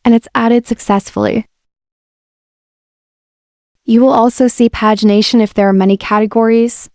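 Friendly woman walking through software. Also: a little high, moderate pace, no echo, studio quality. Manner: relaxed, friendly step-by-step explaining. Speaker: software demo presenter. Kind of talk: casual screen-recorded software walkthrough. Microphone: voice-over mic.

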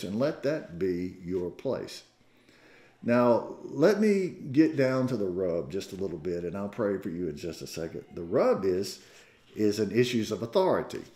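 A pastor in his sixties with a Southern American accent preaches with a lower-pitched voice that swings widely in pitch. He tells folksy stories with self-deprecating jokes, and his voice rings through an echoey church sanctuary. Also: darkish tone. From Southern United States. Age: 60s. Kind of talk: sermon.

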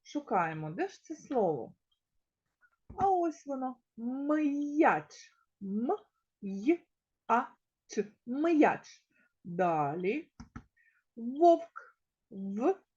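A woman teaching a small-children's lesson in a slow, sing-song way, stretching words out and sounding them out one by one. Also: sits high, big pitch swings, dark tone, slightly rough, dull audio. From Ukraine. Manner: drawn-out, sound-by-sound word pronunciation. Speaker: kindergarten teacher.

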